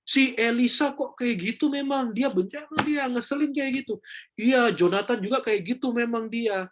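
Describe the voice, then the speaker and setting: A gossiping friend trades catty remarks about other people, voiced by a man putting it on. The pitch sits far above his usual voice. The complaints are stretched out for effect. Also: normal speed, background noise.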